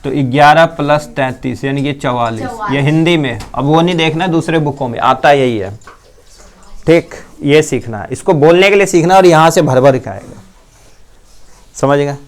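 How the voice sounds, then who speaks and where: A male teacher with a Bihari accent giving a classroom lesson, sounding out letters and quizzing his students. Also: on the high side. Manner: drills sounds slowly, quizzes students often. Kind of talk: classroom Hindi pronunciation lesson.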